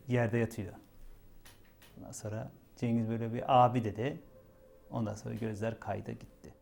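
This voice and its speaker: A young man with a mellow, dark voice tells his story for a documentary, quoting what he said again and again with small repeated fillers. His pitch sits in the middle of the male range, and soft music plays faintly underneath. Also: vocal fry. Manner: retells events with many repeated "dedim" and "böyle" fillers. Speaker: witness interviewed for a documentary. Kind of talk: emotional first-person recollection.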